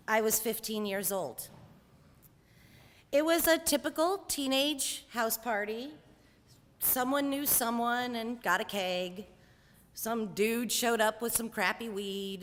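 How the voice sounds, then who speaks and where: A woman's voice: medium pitch, a bit bright, in a large hall. A woman in her forties telling a candid, wryly humorous personal story on stage.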